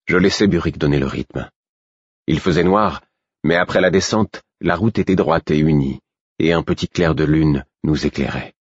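A man reading a first-person novel aloud, with steady, measured narration and voices for the characters. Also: extremely low pitch, slightly rough, dry recording, lo-fi sound. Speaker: audiobook narrator.

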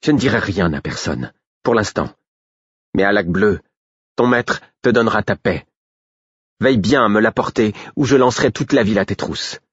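A sharp-tongued young woman, quick to anger and full of scorn, jabbing with mocking accusations, as a male audiobook narrator puts her on. The voice sits higher than the reader's own deep tone but keeps some of its husky grain. The recording is dry and a little muffled. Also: animated, dry recording. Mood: threatening.

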